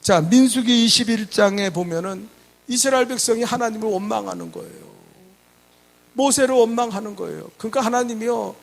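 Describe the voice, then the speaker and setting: A man's voice: sits high, a little fast, gravelly. A male pastor preaching a sermon in a church, asking the congregation rhetorical questions and leading them in call-and-response. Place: church sanctuary.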